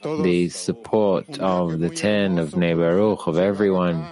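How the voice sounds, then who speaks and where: Guy interpreting live, real low voice, slow and halting. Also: fairly even intonation, a crowd in the background, poor audio. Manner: halting, with restarts and fillers. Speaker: simultaneous interpreter.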